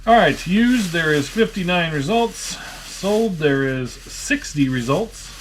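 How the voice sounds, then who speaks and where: With a Midwestern American accent, this online reseller from Nebraska speaks slowly yet animatedly in a slightly high voice. He jokes around and thinks out loud while sorting and pricing stock for his vlog, in a noisy room with clicking sounds.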